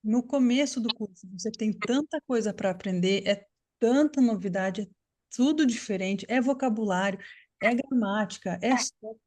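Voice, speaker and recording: A woman's voice: medium pitch, normal speed, a little mellow. A woman English teacher giving a live online class on a video call, explaining patiently and checking often that students follow.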